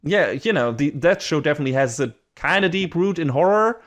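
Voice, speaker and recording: A man's voice: fairly high pitch, expressive, brisk, fairly bright tone. A man co-hosting a podcast, chatting casually in a rambling way, swearing and laughing often. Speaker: podcast co-host.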